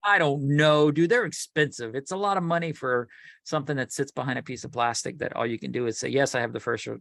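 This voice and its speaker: A man's voice: mid-range voice, fast, creaky, no echo, clean studio sound. A man co-hosting a collecting podcast in casual chat, rambling and restarting as he tells his stories. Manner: animated, rambling with many restarts. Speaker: podcast co-host.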